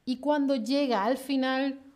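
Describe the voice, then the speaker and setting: Slow, playful woman teaching Spanish. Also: sits high, fairly even intonation, darkish tone. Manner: slow, clear and playful, acting out examples. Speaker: Spanish teacher streaming live. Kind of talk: livestream language lesson.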